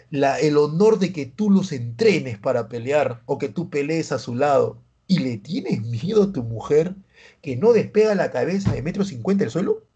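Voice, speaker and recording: A man voicing a calm, measured medieval king who reasons with and mildly scolds a younger man. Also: high-pitched, voice pushed up.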